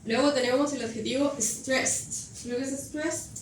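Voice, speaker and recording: A woman's voice: high-pitched, fairly even intonation, unhurried. A woman teacher explaining grammar to a class, patiently checking whether students understand. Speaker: English teacher. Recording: echoey classroom from far off, noisy.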